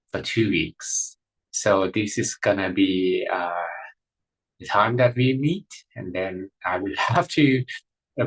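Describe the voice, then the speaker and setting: A male monk leads an online meditation session, talking slowly and pausing often. His voice sits on the low side and has a husky edge. He restarts his sentences and fills the gaps with ums. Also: a bit bright, poor audio. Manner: hesitant, many fillers and restarts. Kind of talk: live online meditation talk.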